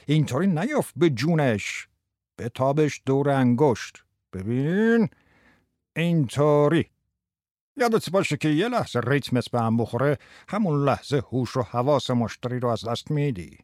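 A swaggering older salesman bursts through his lesson, talking fast and teasing his pupil, as a man puts him on in an audiobook. He swings between loud showy patter and low coaching asides. The sound is close and dry with no room around it. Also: dry recording, natural voice. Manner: lively, fast coaching banter. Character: brash older male tie salesman teaching a boy. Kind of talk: audiobook character voice.

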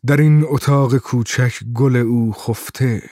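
A man reading a story aloud as an audiobook narrator in a steady, measured way. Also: medium pitch, dry recording, clean studio sound. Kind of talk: scripted narration.

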